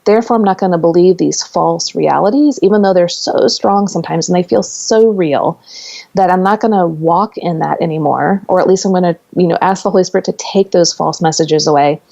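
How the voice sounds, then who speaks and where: A woman's voice: fairly low pitch, brisk, vocal fry, warm tone, highs cut off. A woman speaking as a podcast guest, talking earnestly in conversation and explaining with stories. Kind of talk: conversational interview.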